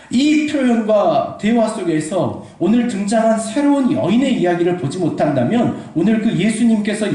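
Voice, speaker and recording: Man, pastor, animated sermon storytelling, high voice, echoey church hall. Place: church sanctuary. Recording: echoey hall, distant mic.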